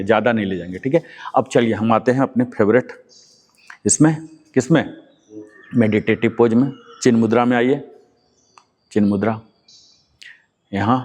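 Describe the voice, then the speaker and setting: A man's voice: medium pitch, darkish tone. Patient male yoga teacher, echoey hall. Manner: patient, repeats key words and quizzes students. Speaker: yoga instructor. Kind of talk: guided yoga class instruction. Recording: long hall reverb.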